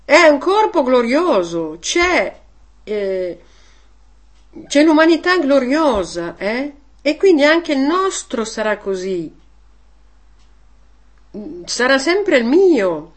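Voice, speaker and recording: A woman's voice: sits high, big pitch swings, slow pace, long pauses. A woman giving informal religious teaching, conversational, with frequent rhetorical "eh?" tags and hesitant restarts. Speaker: catechist.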